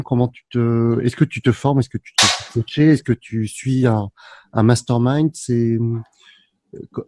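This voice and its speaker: A man's voice: medium pitch, mellow, a little hiss or hum. A man hosting a podcast who asks questions in a casual, friendly way and rephrases them as he goes. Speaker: podcast host, interviewer. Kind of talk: casual interview chat.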